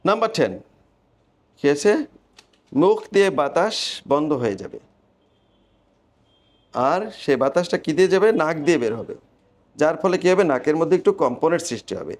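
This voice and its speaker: Lively Bangladeshi man teaching pronunciation. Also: fairly high pitch, moderate pace, pauses often. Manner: drills sounds aloud, asks the class to repeat. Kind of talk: classroom phonetics lesson.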